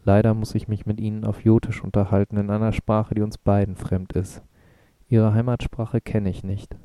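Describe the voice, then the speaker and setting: A man's voice: on the low side, level tone, normal speed, mellow, no echo, lightly acted. A man voicing a courteous woman ambassador over sixty with a smoky, sing-song voice, in an audiobook. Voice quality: smoky singsong voice.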